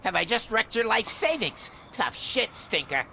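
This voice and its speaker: A man's voice: high voice, sing-song, normal speed, creaky, bright, forceful tone, a little hiss or hum, full character voice. A man playing a sneering street punk in a video game, in the manner of a mustache-twirling cartoon villain. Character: sneering young male street punk, mocking bully.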